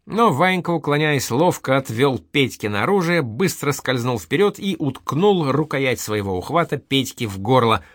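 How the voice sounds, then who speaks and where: A man narrating an audiobook with expressive reading. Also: medium pitch, moderate pace, hardly any pauses, dry recording, studio quality.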